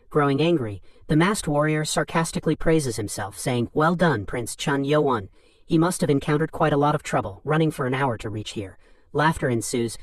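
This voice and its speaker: A man with a somewhat high voice narrates a story recap, reading each beat in an even, flat third-person summary. The sound is dry and close, with no room around it. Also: no echo.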